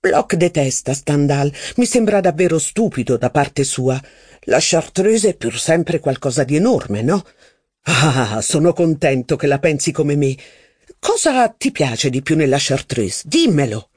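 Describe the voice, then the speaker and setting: A man putting on an excitable young aristocrat. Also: a little high, slightly rough, no echo, studio quality, exaggerated voice. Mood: eager. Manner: excitable, insistent, quick to cheer. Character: eager, impetuous young aristocratic officer.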